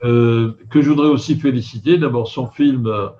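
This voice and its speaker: An older man hosting a live film event, courteous and very hesitant, with slightly slurred speech from loose dentures. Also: mid-range voice. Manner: halting, hesitant, courteous, with frequent long filler pauses. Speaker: host of a film festival video conference. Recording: dull video call audio, faint noise.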